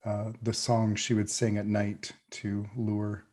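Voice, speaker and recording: Measured, even-toned man role-playing. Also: lowish voice. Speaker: tabletop game player. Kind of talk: improvised in-character role-play.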